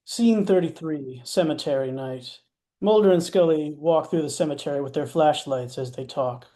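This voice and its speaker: This scripted narration features a man whose voice sits a little high yet sounds dark. He moves at a moderate pace through stage directions, plainly stated and sprinkled with wry asides.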